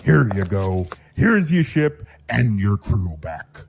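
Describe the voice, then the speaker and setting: A man voicing a laid-back, slow-talking pirate captain with a gravelly drawl, over background music. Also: lowish voice, very animated, full character voice. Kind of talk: comedic history video voice acting.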